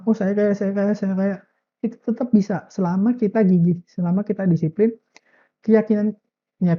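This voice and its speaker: A woman giving a relaxed, casual motivational talk, full of filler words and drawn-out "eee" hesitations. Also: mid-range voice, highs cut off. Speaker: self-improvement speaker.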